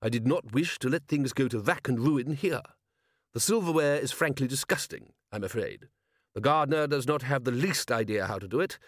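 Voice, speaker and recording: A man voicing a prim, devoted male butler in an audiobook, formal and fastidious. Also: medium pitch, no echo, studio quality, close to an everyday voice.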